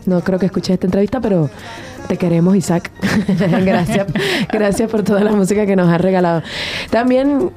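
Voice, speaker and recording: A woman with a Venezuelan accent, speaking thoughtfully in a casual interview, pausing and restarting as she searches for words. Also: medium pitch, warm tone, faint music behind. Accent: Venezuelan Spanish. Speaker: band member and guest.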